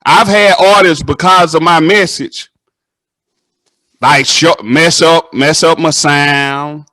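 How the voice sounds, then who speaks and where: A man, hosting a casual interview and telling animated stories that act out the dialogue. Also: fairly high pitch, slow. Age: 30s. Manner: animated storytelling, acts out dialogue.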